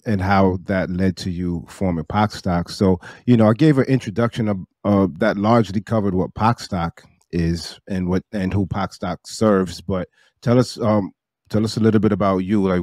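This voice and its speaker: A man hosting a podcast interview, measured and sprinkling his talk with "um"s. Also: deep voice, a little mellow, dry recording, clean studio sound. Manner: measured, many "um"s and backchannels. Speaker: podcast host.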